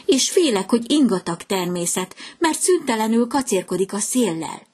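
A woman voicing a chatty, fickle young male swallow in a storybook reading, raising her voice higher and fussier than her own. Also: lively intonation, a little mellow, husky. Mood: complaining.

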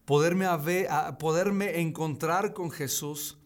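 A man's voice: fairly high pitch, takes it slowly. A man in his thirties preaching a streamed sermon, stressing his points by saying key phrases again. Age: 30s. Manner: emphatic, repeats key phrases.

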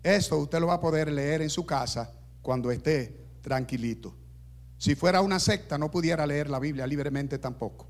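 A man preaching a sermon, reading scripture slowly and deliberately and building up intensity as he reads. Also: on the high side. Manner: slow, deliberate delivery with self-corrections.

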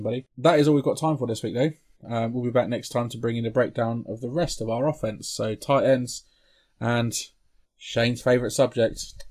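A man's voice: mid-range voice, a little mellow. A British man hosting a sports podcast in a chatty, informal way. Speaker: main podcast host. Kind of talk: casual sports podcast chat.

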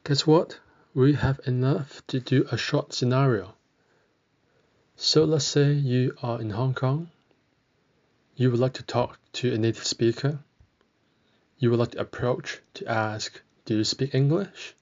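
A man's voice: medium pitch, unhurried, pauses often, a little mellow, dull audio. A man teaching a podcast language lesson, carefully modelling each phrase and repeating it.

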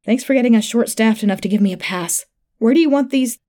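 A woman's voice: on the high side, quick pace, dark tone, close to an everyday voice. A woman reading the lines of a breezy male coworker in a sci-fi horror audio story. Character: casual, dangerous man coworker.

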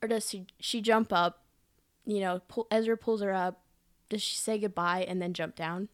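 A woman's voice: mid-range voice, fairly even intonation, moderate pace, no echo, studio quality. A young woman co-hosting a casual podcast review, talking animatedly and acting out character lines with laughs. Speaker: podcast co-host.

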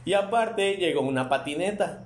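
Animated Mexican man, echoey room. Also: sits high, normal speed. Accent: Mexican Spanish. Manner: animated storyteller, swears casually. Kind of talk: casual chat. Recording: roomy echo.

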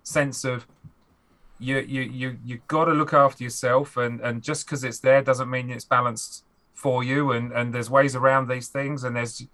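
A man's voice: mid-range voice, little pitch movement, measured pace, bright, forceful tone. A man, a game designer guest on a podcast, talking animatedly and acting out players' reactions. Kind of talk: podcast conversation.

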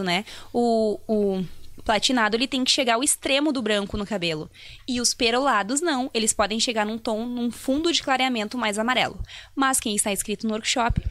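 A woman's voice: a little high, fairly bright tone, no room sound. A woman, a salon colorist explaining toner choices to viewers in a live Q&A. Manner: explanatory, tutorial-like, addresses viewers.

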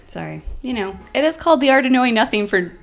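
Giggly gravelly woman chatting. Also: a little high, big pitch swings, quick pace. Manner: giggly, self-deprecating, trails off. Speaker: podcast co-host. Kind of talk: casual chat.

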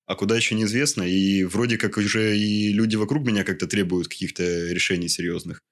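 A young man in his twenties with a very low voice answers interview questions. He talks haltingly and searches for his words. He pads his thoughts with small fillers. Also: steady tone, a bit bright. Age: 20s. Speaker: interview guest. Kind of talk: casual interview conversation.

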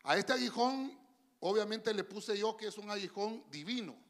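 A Honduran man preaching a sermon as pastor of a church, animated, with call-and-response to his congregation. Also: high voice, moderate pace.

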